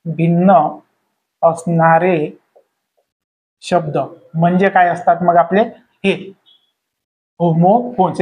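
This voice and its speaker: A man teaches a grammar lesson at a board, his voice sitting noticeably high. He keeps putting questions to the class and answering them himself, repeating each key word as he goes. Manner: repetitive, quizzing with rhetorical questions.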